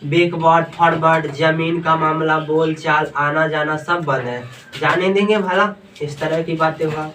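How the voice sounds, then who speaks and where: A man teaches a class, reading a story aloud and stopping to ask his students questions. His voice sits a little high. It is recorded from a distance in a classroom, so he sounds far from the mic. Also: steady tone, unhurried, pushed and bright, slight background noise. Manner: reads aloud then quizzes students with questions.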